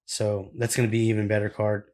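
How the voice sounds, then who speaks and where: A man's voice: lowish voice, little pitch movement, quick pace, darkish tone. A man co-hosting a fight podcast in casual chat, laid-back and slangy, trailing into fillers as he runs through the fight previews.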